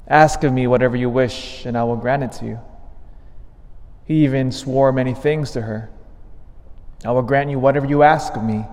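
A man's voice: medium pitch, a little mellow. A male priest reading the Gospel and preaching at Mass in a large church, his voice carried by a cathedral echo. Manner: measured reading, then emphatic rising stresses. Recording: long reverb of a large church.

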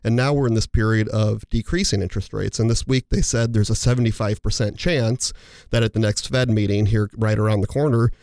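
A man's voice: on the low side, fairly even intonation, a little fast, a little mellow, no echo, clean studio sound. Rambling man hosting a money talk show. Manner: rambling, explains with analogies, many fillers and restarts. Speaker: financial advisor and show host. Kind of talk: casual radio talk show chat.

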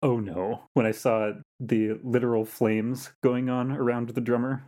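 A man co-hosts a casual review chat with a middle-pitched voice. He drops in short, dry, joking asides. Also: steady tone, measured pace, mellow. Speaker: co-host.

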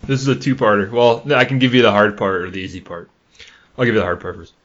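A man's voice: on the low side, fast talker, a bit bright. A young man from Michigan's Upper Peninsula with a Yooper accent, chatting casually and rambling as a podcast host. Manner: chatty, rambling, laughs easily. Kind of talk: casual chat, quizzing co-host. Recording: dull lo-fi podcast audio.

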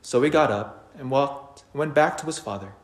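A priest reading the Gospel at Mass in a measured, unhurried way, heard with a cathedral echo in a large church. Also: male voice, mid-range voice. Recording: roomy church reverb.

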